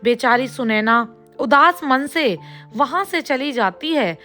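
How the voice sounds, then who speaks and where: Slow, high-voiced woman storyteller. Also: expressive, bright, forceful tone, soft background music. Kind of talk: bedtime story narration.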